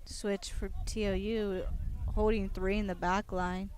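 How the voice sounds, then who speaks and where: A woman's voice: medium pitch, flat delivery, unhurried, a little mellow. Easygoing woman co-commentating soccer. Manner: easygoing, laughs along, short remarks. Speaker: color commentator. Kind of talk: casual college soccer commentary. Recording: noisy livestream commentary audio.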